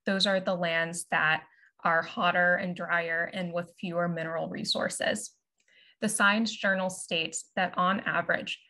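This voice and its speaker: A woman with a slightly low voice reads a prepared introduction at a steady, measured pace. She speaks over a video call from a room indoors, formal and composed as she leads into a panel discussion. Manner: measured, formal presentation of a written script. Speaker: moderator and curatorial assistant. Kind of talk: prepared talk read aloud.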